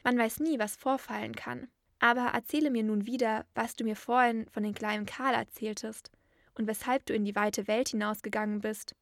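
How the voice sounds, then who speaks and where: Woman voicing a bossy fierce robber girl, gravelly fry, fairly high, dry close sound. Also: fairly even intonation, normal speed, no room sound. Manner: blunt, bossy, threatening.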